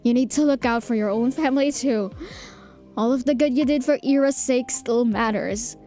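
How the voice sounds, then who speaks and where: A young woman streamer reading a visual novel aloud in a soft, hesitant, apologetic way. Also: on the high side, normal speed, soft background music. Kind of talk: reading game dialogue and first-person narration aloud.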